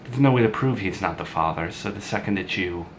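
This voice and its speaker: A man's voice: low-pitched, lively intonation, fairly quick, slight background noise. A man voicing a blunt, sarcastic grown woman who had a child young, in an amateur drama. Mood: guarded. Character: blunt sarcastic mother, grown woman, once a teen mom.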